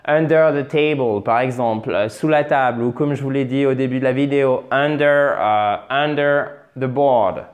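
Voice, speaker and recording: A man's voice: mid-range voice, moderate pace, few pauses. A man teaching English pronunciation in French, patiently repeating and drilling words, with chatty asides and self-corrections. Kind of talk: French-language English lesson at a board.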